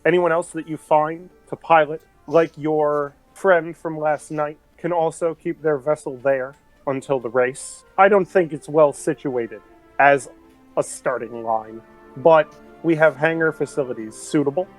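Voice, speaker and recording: A man's voice: fairly high pitch, measured pace, soft background music, voice pushed up, close to an everyday voice, poor audio. A man voicing a formal, frank male casino club official in a tabletop game. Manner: formal, addresses listener as sir.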